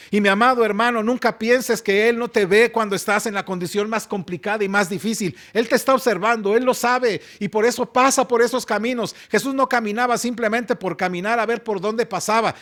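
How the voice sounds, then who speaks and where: Man, mexican spanish accent, pastor, sermon, high-pitched voice, impassioned, loud then hushed. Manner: impassioned preaching, shifts between loud exhortation and soft asides. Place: church.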